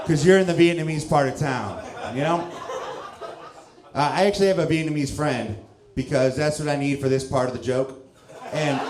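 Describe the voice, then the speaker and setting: A man in his thirties, originally from St. Louis, works a club stage with a handheld mic in a loose, self-mocking style, chuckling through his lines. His voice sits a touch high for a man. The room gives it a roomy echo. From St. Louis, Missouri, USA. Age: 30s. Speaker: stand-up comedian. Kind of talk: stand-up comedy set.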